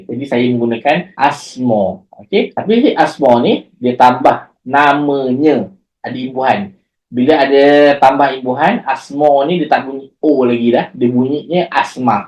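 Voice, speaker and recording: A man teaching a language step by step, filling his pauses with "okey" and "ha". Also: medium pitch, a little mellow. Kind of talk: screen-share tutorial. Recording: echoey room.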